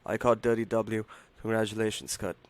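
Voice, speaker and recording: Hoarse, unwell man chatting on a livestream. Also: fairly low pitch, fairly even intonation. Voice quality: hoarse, strained voice. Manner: halting, repeats himself, addresses viewers as buddy and man. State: unwell, voice not as usual. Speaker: live trading stream host. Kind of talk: casual livestream chat.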